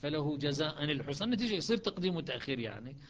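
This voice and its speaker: A man's voice: on the high side, big pitch swings, rapid-fire, highs cut off. A man teaching a classroom lesson on Quran recitations, explaining step by step, repeating words and checking that his students follow.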